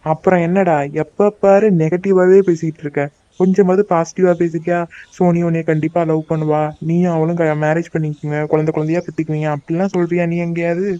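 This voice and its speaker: Brief: man playing a bantering cartoon lad, mellow voice, dull dry recording. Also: on the high side, level tone, a little fast, dry recording, close to an everyday voice. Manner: banter, joking. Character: teasing young man chatting with friend. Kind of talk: cartoon dubbing.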